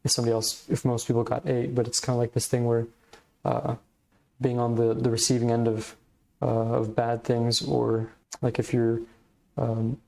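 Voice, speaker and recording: Man talking casually in an even tone. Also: medium pitch. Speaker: podcast host. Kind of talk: casual, reflective commentary.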